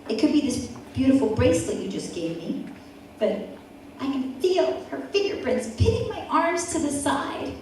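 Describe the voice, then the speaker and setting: A woman in her forties telling a personal story at an event, with vivid, dramatic pauses. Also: high-pitched, big pitch swings, dark tone, a little hiss or hum. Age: 40s. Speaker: event speaker. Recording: echoey hall from far off, faint ambience.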